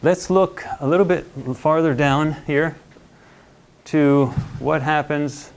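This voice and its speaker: A man gives a university statistics lecture in a conversational, playful way, acting out little quoted voices and often checking in with his students. His voice is fairly high and fairly even, at a slow pace.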